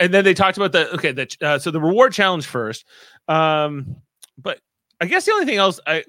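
Podcast host, male, bright voice with lots of pitch swing, dry sound. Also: no echo. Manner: animated, acts out quotes in exaggerated voices. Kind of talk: casual recap chat.

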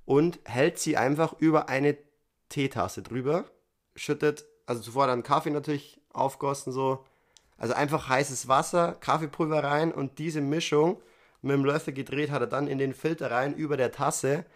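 A man's voice: fairly even intonation, normal speed. Young man telling a story. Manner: storytelling, acts out quotes in a high squeaky voice. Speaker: podcast co-host. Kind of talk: casual chat.

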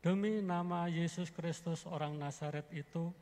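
A man reading scripture aloud during a service with steady, measured delivery. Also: a little high, big-room sound. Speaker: scripture reader.

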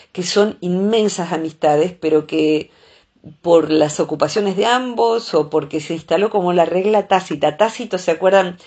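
A woman with a Rioplatense Spanish accent, talking through ideas in a casual podcast chat, often pausing on "eh". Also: lowish voice, darkish tone. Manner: thoughtful, explains with many filler "eh"s.

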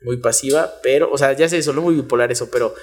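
A man's voice: mid-range voice, fast talker. A young man with a Mexican accent co-hosting a casual chat, full of slang and swearing, often laughing. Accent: Mexican Spanish. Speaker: podcast co-host.

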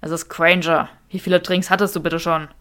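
A woman's voice: on the low side, little pitch movement, a little fast, a bit bright, clean tone, close to an everyday voice. Woman doing Draco, snappish young wizard. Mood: irritated. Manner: clipped and snappish, raised voice. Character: wizard man Draco, irritable, proud, jealous.

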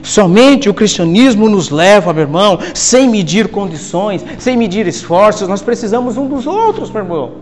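A Brazilian man preaching a sermon to his congregation, calling them "my brother" and swinging from hushed asides to loud exhortation. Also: sits high, lively intonation, moderate pace, few pauses. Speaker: pastor. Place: church service with congregation in masks. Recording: long hall reverb with faint music.

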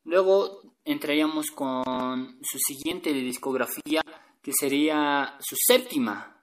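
A man's voice: fairly high pitch, slow pace, recorded from a distance, poor audio. A man hosting a casual music talk for viewers, chatty and hesitant, often checking in with his listeners. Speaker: music channel host.

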